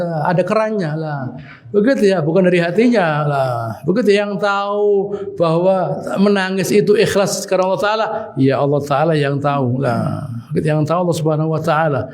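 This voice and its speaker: A man's voice: high voice, darkish tone. A man giving a weekly Quran commentary sermon in a small prayer hall, talking conversationally and often repeating "begitu ya". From Indonesia. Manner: conversational, repeats "begitu ya", chuckles while teaching. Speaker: ustad teaching Quran commentary.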